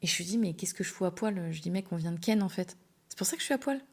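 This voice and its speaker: Young adult woman, podcast host; casual candid storyteller, slangy and filler-heavy, gravelly mid-range voice. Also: on the low side, expressive, quick pace. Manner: chatty, candid and slangy, full of "euh" fillers.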